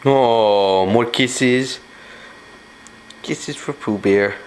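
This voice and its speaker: A woman's voice: extremely low pitch, drawn-out words, a little mellow, a little hiss or hum. A woman coaxing a small child in sing-song baby talk, heard through old camcorder audio. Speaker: parent filming a child. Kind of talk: home video baby talk.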